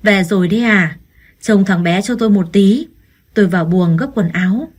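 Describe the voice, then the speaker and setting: A woman voicing a spiteful older mother-in-law who scolds harshly, in a husky voice. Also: medium pitch, normal speed, lightly acted. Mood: sly. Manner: accusing, harsh.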